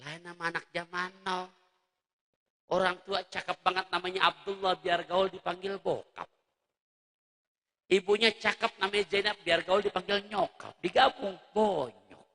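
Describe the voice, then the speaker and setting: A male preacher giving a jokey religious lecture, talking straight to the mothers in his audience and swinging between soft asides and shouts. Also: high-pitched, steady tone, normal speed, long reverb tail.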